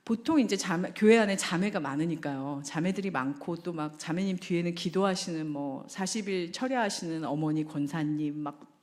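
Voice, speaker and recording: A woman's voice: on the low side, normal speed, few pauses, a little mellow. A woman lecturing at a church marriage seminar, talking in a conversational way and asking the audience rhetorical questions.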